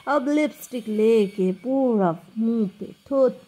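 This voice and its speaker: A young woman from India, chatting casually to her viewers as she walks them step by step through her prep, with quick excited exclamations. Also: a little high. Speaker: prank vlogger. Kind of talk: casual vlog narration to camera.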